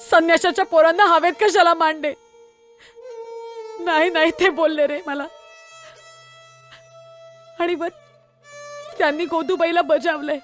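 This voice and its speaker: A woman playing a spirited, blunt girl saint. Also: extremely high pitch. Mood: tearful. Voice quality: blunt, sharp-tongued. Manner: pleading and expressive, speaks to unseen people. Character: young girl saint, spirited, devoted to her brothers. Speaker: solo stage performer. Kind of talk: one-woman stage drama.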